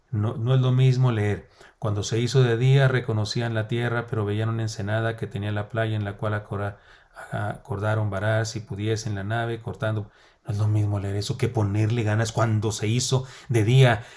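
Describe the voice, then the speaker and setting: A man's voice: mid-range voice, darkish tone. A middle-aged man, teaching a recorded seminary lecture step by step and asking his listeners questions along the way.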